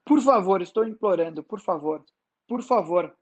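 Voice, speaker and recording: Um homem fazendo um pai desesperado que implora. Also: male voice, sits high, animated, moderate pace, husky. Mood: desperate, pleading. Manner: raised, pleading voice. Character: grieving father, desperate and pleading. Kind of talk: dramatized book reading.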